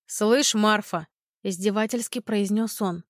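A man's voice: sits high, normal speed, dry recording, clean studio sound, natural voice. A woman narrating an audiobook voices a wiry male thug who speaks in a mocking, menacing way. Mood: mocking menace.

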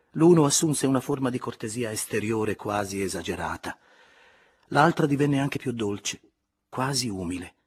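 A man narrating a classic novel in a measured, expressive audiobook reading. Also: fairly low pitch, slightly rough. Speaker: audiobook reader.

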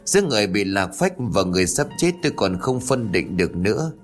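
A man's voice: fairly low pitch, very animated, brisk, faint music behind. A man voicing an old village fortune-teller who mutters in bewilderment and blames himself. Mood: self-reproaching. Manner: muttering, bewildered and self-reproaching.

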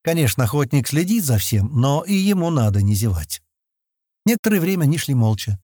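A male narrator reads a story in a husky, mellow voice that moves lively up and down. The sound is dry and close, taken on a studio mic with no room around it. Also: mid-range voice, brisk, no room sound. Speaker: audiobook narrator. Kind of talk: scripted narration.

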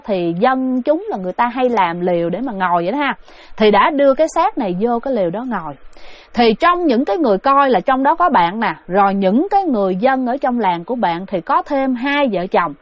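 Woman storyteller, fairly high voice, talks straight to listeners; muffled dry sound. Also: no room sound. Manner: chatty, addresses listeners directly. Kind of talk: casual spoken ghost story. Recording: dull, dry recording.

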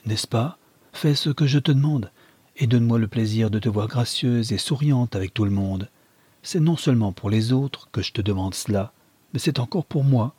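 A man voicing a businesslike husband who calmly soothes and dismisses his wife in a read novel. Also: mid-range voice, husky, no echo, close to an everyday voice. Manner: calm, patronizing reassurance.

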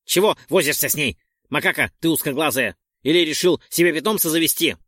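A man's voice: fairly high pitch, a little fast, fairly bright tone, dry recording, studio quality, voice pushed up. A man voicing a crude, hot-tempered man who swears and threatens. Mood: scornful.

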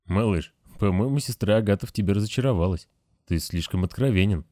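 A man voicing a tired, kindly older male caretaker who talks gently and patiently. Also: lowish voice, fast, dry recording, studio quality, natural voice. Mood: weary, gentle.

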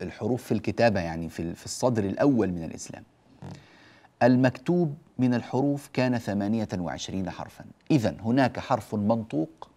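A man gives a tajweed lesson in a dark, mellow voice. He speaks slowly and repeats each example phrase over and over. He writes on a board as he teaches. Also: fairly low pitch. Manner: slow, repeats example phrases several times. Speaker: Quran recitation teacher. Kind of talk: lecture on tajweed rules.

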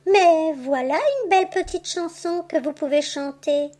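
A woman's voice: very high-pitched, unhurried, warm tone, voice pushed up. A woman voicing a cunning, boastful male trickster rabbit in a read-aloud tale, sly and playful. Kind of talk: audiobook tale reading.

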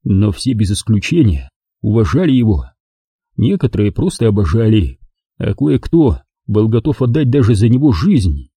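A man narrating a thriller audiobook with an expressive storytelling delivery. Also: fairly low pitch, moderate pace, husky, dry recording.

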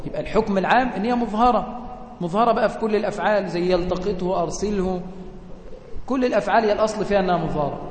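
A man with an Egyptian accent teaching Quran recitation rules. He poses questions to the class and answers them himself, and draws out the recited examples slowly. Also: sits high, a little mellow, echoey room, long reverb tail. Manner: slows to a drawn-out chant for recited examples. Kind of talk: tajweed lesson.

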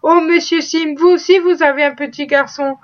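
Woman reading out a young mother on the run, pleading and fervent, high voice, muffled. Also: steady tone, moderate pace, close to an everyday voice. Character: desperate young mother fleeing with her child. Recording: dull lo-fi recording.

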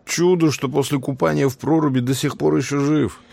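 An actor playing a jovial, ironic forensic doctor with a theatrical, teasing manner in an audio drama. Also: male voice, a little high, steady tone, a little fast, creaky, a little mellow. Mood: wry, teasing.

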